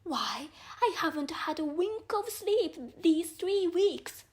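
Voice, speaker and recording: A shrill storybook pigeon, acted out by a woman reader, high and indignant. She scolds in slow, exclamatory bursts, full of fretful contempt. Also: lively intonation, exaggerated voice. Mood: shrieking, harried. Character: fretful, indignant, contemptuous female pigeon guarding her eggs. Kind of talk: storybook character voice.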